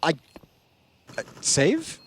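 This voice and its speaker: A man's voice: very slow, slight background noise. A man giving live esports colour commentary on a headset, analytical and chatty, breaking down plays and economy. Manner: analytical, chatty, laughs easily. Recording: game sound effects behind the voice. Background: game sound effects.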